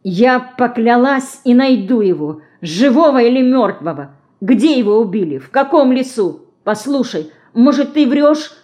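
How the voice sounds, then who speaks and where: A woman's voice: on the high side, animated, unhurried, a little mellow, pitched above the performer's own voice. A woman voicing an earnest, stubborn young girl who pleads and insists, in an audiobook. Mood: insistent. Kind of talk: audiobook character reading.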